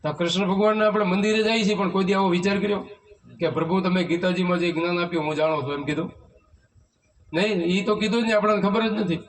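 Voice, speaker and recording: High-voiced Kutchi preacher, distant mic. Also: male voice, steady tone, fast talker, slight background noise. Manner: preaches in rhetorical questions and recites hymn verses. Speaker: spiritual teacher leading a satsang. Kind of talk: devotional sermon. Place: devotee's home in a village. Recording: voice from far off the mic.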